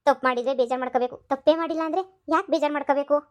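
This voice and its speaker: Woman casting as a wheedling young village maid for a cartoon comedy: high, quick, coaxing. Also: steady tone, close to an everyday voice. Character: coaxing young village housemaid, sly and sweet-talking.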